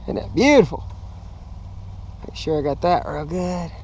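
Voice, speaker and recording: A fairly high-pitched, darkish-toned man, very animated yet measured in pace, explains roof cleaning plainly and casually as he demonstrates it on camera. He's a middle-aged American contractor on a ladder at a roofline, recorded outdoors by an action camera amid wind and machinery noise.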